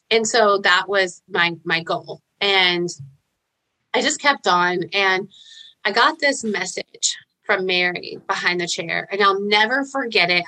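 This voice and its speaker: A woman with a bright, forward voice talks as a hairstylist guest in a casual interview. She is chatty and effusive and leans on fillers as she speaks. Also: mid-range voice, low-quality recording.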